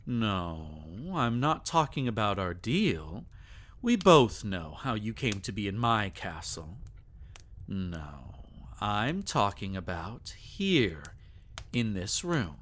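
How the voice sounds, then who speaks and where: A man voices a sadistic vampire lord in an intimate ASMR roleplay, staying fully in character. His delivery is slow and theatrical, with pitch that rises and falls vividly. Possessive and taunting, he cloaks menace in silky endearments, sounding both threatening and seductive.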